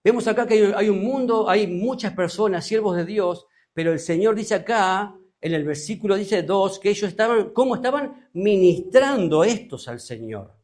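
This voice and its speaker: A male pastor with a Uruguayan accent preaching a sermon, reading scripture slowly and asking the congregation rhetorical questions. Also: high-pitched, darkish tone. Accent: Uruguayan Spanish. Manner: reads scripture aloud slowly.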